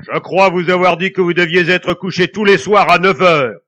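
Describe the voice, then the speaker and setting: Guy doing a raging miser ghost, yelling way up high, dull lo-fi audio. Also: fairly even intonation, measured pace, exaggerated voice. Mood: furious. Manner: shouting harshly. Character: miserly dead rich man's ghost, angry, gruff. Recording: dull lo-fi recording.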